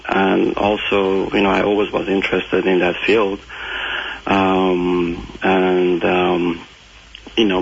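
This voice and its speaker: Deep gravelly man, hesitant with fillers. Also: highs cut off, slight background noise. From Iran. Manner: hesitant, many fillers and restarts. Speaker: guest doctor. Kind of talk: radio interview.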